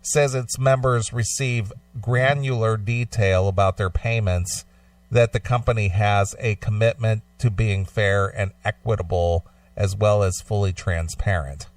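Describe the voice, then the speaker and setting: Co-hosting a talk show, a man switches between reading out news and casual discussion, sounding measured, agreeable and matter-of-fact. His voice sits on the low side with fairly even intonation, recorded from a distance with no echo.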